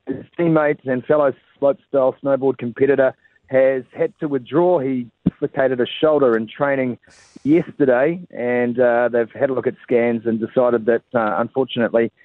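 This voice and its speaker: Over a tinny phone line, a man reports live to a radio show at a moderate pace, his mid-range voice fairly even in intonation. He's conversational and peppers his speech with "uh," and the recording is dry.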